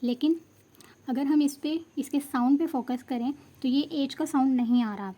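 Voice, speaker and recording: Female grammar teacher, fairly high, soft warm tone, patient explainer. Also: normal speed. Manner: patient, checks understanding, mixes Hindi and English. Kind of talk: explanatory lesson.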